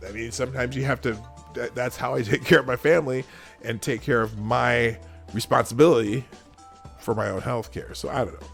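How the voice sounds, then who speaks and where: A middle-aged man speaks in a standard American accent at a medium pitch. He hosts a casual livestream, rambling conversationally and thinking aloud as he goes, with music in the background. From United States. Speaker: live show host. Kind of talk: casual live-stream chat.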